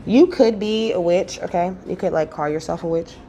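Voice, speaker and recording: Casual low-voiced woman reading cards. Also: moderate pace, noisy background. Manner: casual, swears freely, says okay often. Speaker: spiritual card reader.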